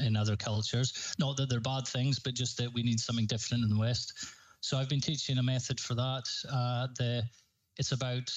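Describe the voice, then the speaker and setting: Highland scottish guy chatting on a podcast, kinda halting, flat pitch, muffled lo-fi sound. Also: no room sound. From Highlands of Scotland. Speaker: movement and mind-body teacher, podcast guest. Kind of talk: conversational explanation on a podcast.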